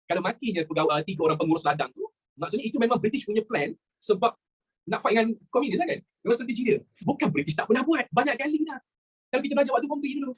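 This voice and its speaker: A very high-pitched voice with a breathy edge belongs to a man with a Malaysian Malay accent leading a history lesson. He keeps it chatty, mixing in English words, repeating phrases, and asking rhetorical questions.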